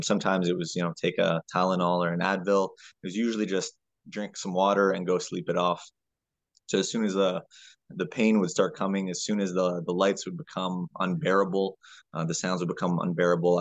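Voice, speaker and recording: As a podcast guest, a male health coach replies in a conversational, stop-start manner, frequently repeating himself. He has a low-pitched voice, and there is no room sound.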